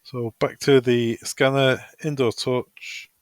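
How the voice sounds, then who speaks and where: This presenter, a man, talks slowly at medium pitch with little movement in his voice, in a dry recording. He walks through a product's software step by step, informally and practically, partly off the cuff.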